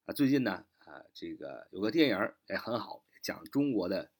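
Husky-voiced guy teaching english words, spells em out letter by letter, lots of "ah" fillers, lively pitch. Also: normal speed. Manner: frequent filler "啊" and "那么". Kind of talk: online vocabulary lesson.

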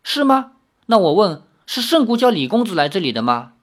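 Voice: mid-range voice, sing-song, fairly quick, pitched above the performer's own voice. A reader voicing a cautious, commanding elder martial sister who scolds her junior, in a storybook audiobook. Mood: suspicious. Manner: stern, admonishing. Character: stern older sister in arms, cautious and commanding.

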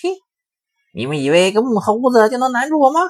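A man's voice: sing-song, fast, no room sound, clean studio sound, heavily acted. A man voicing a sly, boastful big grey wolf in a children's storybook tale, crying out in a raised, sneering voice. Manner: loud, sneering cries pitched well above the narration.

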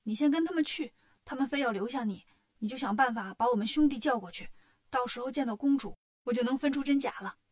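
A woman voicing the monkey king disciple, quick and cheeky. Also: high voice, a little mellow, no room sound, clean studio sound. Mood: coaxing. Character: Sun Wukong, clever bold monkey king disciple.

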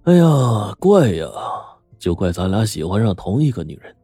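A male storyteller voicing a sly, grinning middle-aged blackmailer who talks in a smug, mocking, drawn-out way. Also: fairly low pitch, sing-song, warm tone, slightly rough, no room sound, faint music behind. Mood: smug, taunting.

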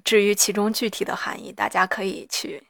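A woman with a hoarse, gravelly voice, talking reflectively and haltingly in a personal audio diary. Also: medium pitch, little pitch movement, a bit bright, no room sound, studio quality. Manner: halting, reflective, pausing mid-sentence. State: hoarse after an hour of reading aloud. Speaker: solo audio diarist.

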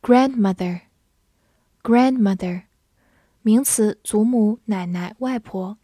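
A woman English teacher narrating a vocabulary lesson, slowly repeating each word twice before giving its meaning. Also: medium pitch, warm tone, no echo, clean studio sound. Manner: slow, drawn-out word repetition.

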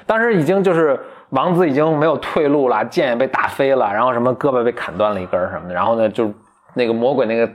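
A man co-hosting a podcast, casually retelling a story in an animated way, laughing often and acting out the characters. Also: medium pitch, fast. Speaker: podcast co-host.

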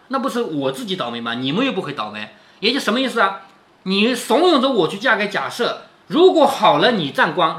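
A high-pitched man with a sharp tone reads from a classic novel and explains it conversationally. As a book reader and commentator, he keeps checking in, repeatedly asking "right?"

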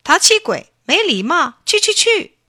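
A woman voicing a cheerful, impatient little boy in a children's storybook reading, exclaiming in a high voice. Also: very animated, unhurried, sharp tone, no echo, clean studio sound, exaggerated voice. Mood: eager.

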